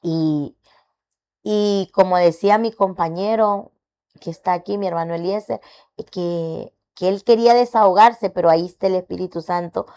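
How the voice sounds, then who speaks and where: A woman's voice: lowish voice, moderate pace, warm tone. Emphatic woman sharing a faith story. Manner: emphatic, repeats words for stress. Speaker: podcast co-host. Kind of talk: personal faith testimony.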